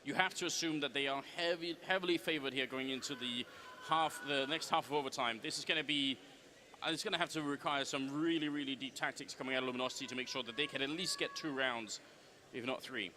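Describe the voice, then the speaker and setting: A man's voice: mid-range voice, steady tone, fast, noisy background. A man giving live esports commentary as a caster.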